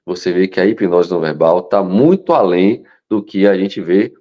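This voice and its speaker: Male hypnosis instructor, low voice, lively storyteller who softens his voice to demonstrate calm; muffled recording. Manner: animated storytelling, drops to a soft slow voice to show calm. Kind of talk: teaching a course lesson. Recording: dull lo-fi sound.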